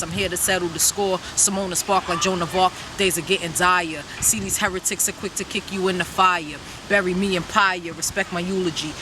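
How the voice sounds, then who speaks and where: A woman rapper from New York, rapping fast and intense verses and talking casually about her music. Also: fairly low pitch, background noise. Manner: rapid intense rhyming delivery. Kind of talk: rapping and casual interview talk.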